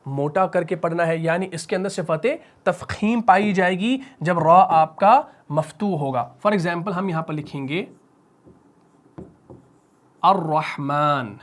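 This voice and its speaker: Patient male Quran tajweed teacher. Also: sits high. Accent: Pakistani Urdu. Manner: patient, asks the class questions and answers them himself; drawls out the example words slowly. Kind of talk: spoken tajweed lesson at a whiteboard.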